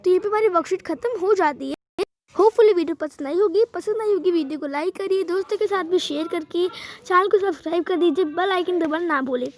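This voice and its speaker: A woman's voice: very high voice, a little fast, darkish tone. A woman hosting a school lesson, explaining a worksheet patiently and repeating key phrases. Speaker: teacher, channel host.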